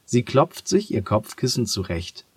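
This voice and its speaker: A man narrating a children's story in a calm, measured way. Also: medium pitch, breathy edge, no echo.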